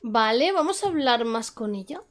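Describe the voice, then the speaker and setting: A woman's voice: a little high, expressive, brisk, faint music behind. A woman giving chatty, playful live commentary as a game streamer. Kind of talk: casual live gameplay commentary.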